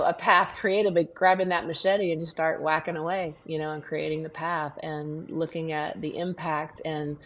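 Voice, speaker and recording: A woman guest on a worship podcast, telling her story in an earnest, emotional way, often halting and restarting. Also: deep voice, rough recording. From United States. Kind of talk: reflective interview storytelling.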